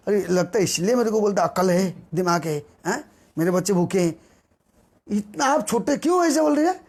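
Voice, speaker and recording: A man with a notably high voice preaches through a devotional tale. He repeats phrases for emphasis and slips into the voices of the people in the story, keeping the telling animated throughout.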